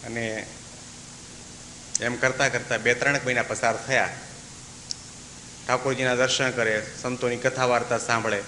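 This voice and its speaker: A man's voice: mid-range voice, flat delivery, moderate pace, long pauses, pushed and bright. A man, a swami, giving a devotional sermon, telling a story and voicing its characters as he goes. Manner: acts out the dialogue of his story, breaks into sung verses. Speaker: swami giving a religious discourse. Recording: echoey hall with faint hiss.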